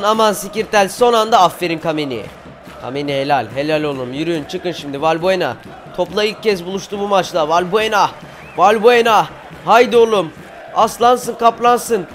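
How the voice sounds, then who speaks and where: High-voiced excitable Turkish teen gamer. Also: male voice, moderate pace, a faint crowd, slight background noise. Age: teens. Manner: cheers players on, groans and shouts at misses. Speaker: gaming YouTuber. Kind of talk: excited gameplay commentary.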